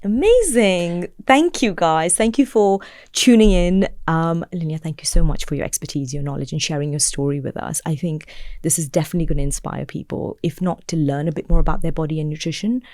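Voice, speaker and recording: A woman's voice: deep voice, brisk, hardly any pauses, darkish tone, no echo, studio quality. A woman hosting a podcast interview, chatting casually and encouraging her guest. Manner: encouraging, affirming. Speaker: podcast host.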